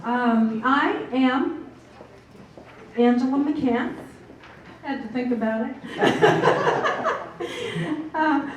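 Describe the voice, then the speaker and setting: A woman's voice: on the high side, darkish tone. A woman moderating a seminar, chatty, with many fillers and restarts, recorded from far off in a meeting room. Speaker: event moderator. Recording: very echoey room from far off, faint noise.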